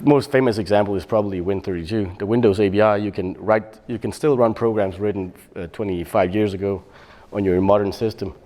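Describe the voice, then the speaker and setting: With a fairly low pitch, a middle-aged Bosnian man presents as a software developer at a tech conference, covering developer tooling. He explains at ease, peppering his speech with fillers and frequently correcting himself.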